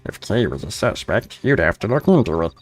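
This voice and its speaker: A man's voice: sits low, very animated, brisk, breathy edge, soft background music, full character voice. A man reading game dialogue aloud, putting on a disguised voice for a mocking mystery caller. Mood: taunting. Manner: smug, mocking, sing-song.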